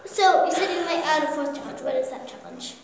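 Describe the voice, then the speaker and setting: A young girl co-hosting a vlog, briskly announcing the challenges. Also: high-pitched. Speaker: co-host. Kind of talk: casual chat. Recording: very echoey room with loud noise.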